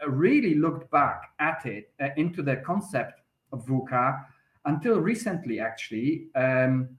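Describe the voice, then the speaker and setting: At a measured pace and with big pitch swings in a mid-range voice, a Polish man in his thirties answers a podcast question conversationally and at length. He speaks with a Polish accent, sounds hesitant with many restarts and fillers, and the room echoes noticeably.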